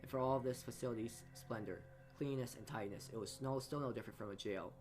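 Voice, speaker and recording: Over game music, this man reads a visual novel aloud as a let's play host, adding asides and frequently tripping over words before re-reading them. He talks fast, in a medium-pitched and slightly mellow voice.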